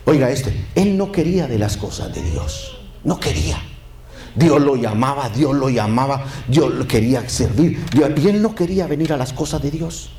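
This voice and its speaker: A man's voice: mid-range voice, normal speed, reverberant. A man preaching a sermon, calling on the congregation for amens. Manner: lively, calls to the congregation for amens. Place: church.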